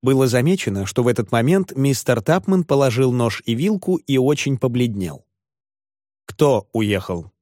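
A man reads a classic novel aloud as audiobook narration, slipping into voices for the characters. His pitch is middling. The sound is dry and close, with no room echo. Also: lively intonation, a little fast, few pauses, darkish tone.

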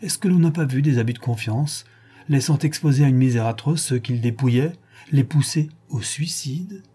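Brief: indignant bourgeois wife, read by a man, declamatory, dark-toned. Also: medium pitch, moderate pace, breathy edge, pitched above the performer's own voice. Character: indignant virtuous bourgeois wife, middle-aged.

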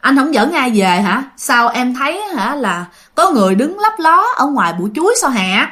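A woman's voice: high voice, sing-song, moderate pace, bright, forceful tone, exaggerated voice. A woman with a Southern Vietnamese accent voicing a puzzled, uneasy rural wife asking her husband questions.

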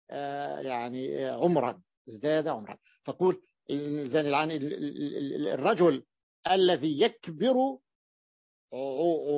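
A man teaching an Arabic grammar lesson, explaining slowly, often repeating and restarting words as he works through a point. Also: a little high, creaky, no room sound. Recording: dull lo-fi dry recording.

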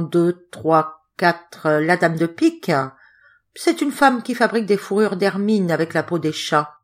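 A theatrical storybook fortune-teller, put on by a woman reading aloud, delivers her readings with grave, oracular solemnity. The voice sits fairly low and moves through a lively, wide melody as she counts out the cards.

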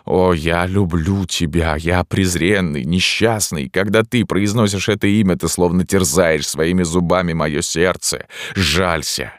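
A man's voice: low voice, steady tone, a little slow, hardly any pauses, no echo, clean studio sound, pitched above the performer's own voice. A man playing a tormented, pleading priest. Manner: pleading, passionate, with outbursts. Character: tormented middle-aged priest, desperate and obsessive. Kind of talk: dramatic audiobook reading.

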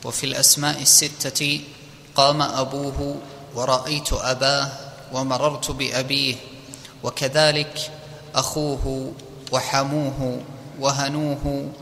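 A man slowly reciting a grammar text in a measured way. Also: medium pitch, little pitch movement, vocal fry, sharp tone. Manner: slow, measured reading. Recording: echoey hall with faint noise.

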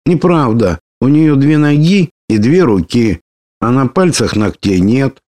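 A man voicing a lively, bold young woman warrior who talks brashly and teases. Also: mid-range voice, measured pace, no room sound, voice pushed up, lightly acted. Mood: indignant. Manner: brash, teasing, excitable.

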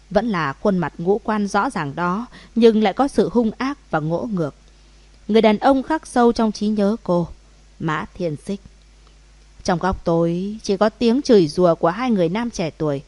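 A woman narrating a romance novel in a steady, measured audiobook reading. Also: medium pitch, dry recording. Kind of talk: scripted narration.

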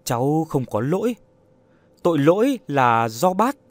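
A man's voice: on the high side, big pitch swings, unhurried, dry recording. A man voicing a grieving, guilt-ridden old man in an audio story, speaking in a quavering, choked voice. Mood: anguished pleading.

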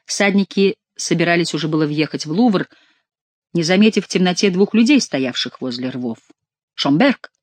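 A narrator reading a historical novel aloud in a measured, expressive way. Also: mid-range voice, no echo.

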